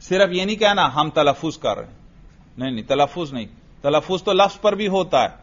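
A man teaching Arabic grammar in a slow, patient way, quizzing students with repeated questions and drills. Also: on the high side, expressive, dull audio. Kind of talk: classroom grammar lesson with drills.

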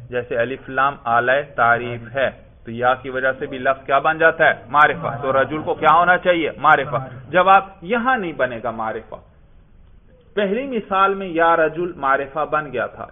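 A man with a fairly high voice teaches grammar and works through the text line by line. He keeps asking questions and answering them himself. The recording sounds thin and tinny, like a phone line.

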